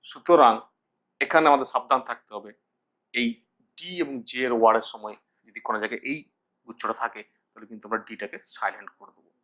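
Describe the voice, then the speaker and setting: Bright-voiced man teaching pronunciation. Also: mid-range voice, poor audio. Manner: slow deliberate repetition of words. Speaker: English teacher. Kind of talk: pronunciation lesson.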